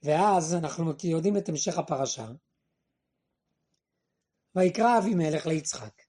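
A man giving a Torah class, who asks questions and answers them himself, and quotes verses and what figures say in a lower, quieter voice. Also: slightly rough. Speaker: Torah teacher.

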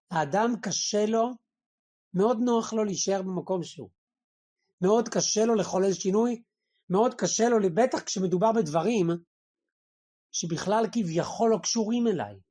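A man giving a Torah lesson to a group, animated, firing rhetorical questions and acting out the voices he quotes. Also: high voice. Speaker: religious teacher.

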